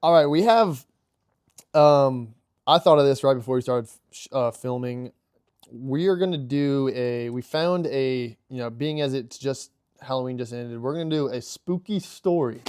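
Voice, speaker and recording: A man's voice: mid-range voice, normal speed, a little mellow, clear, resonant tone. A man co-hosting a podcast outdoors by a campfire, chatting casually and rambling with lots of restarts. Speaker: podcast co-host. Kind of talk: casual chat.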